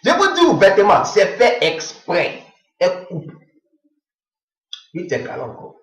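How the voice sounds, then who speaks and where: A man performs a comic monologue in an animated but unhurried way, dropping into low muttered voices to act out phone calls. The audio is poor and the room echoey.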